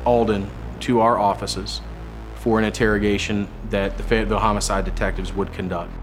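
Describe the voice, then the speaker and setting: Low-voiced male investigator in documentary interview. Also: little pitch movement, brisk, music in the background, low-quality recording. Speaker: investigator interviewed about a case.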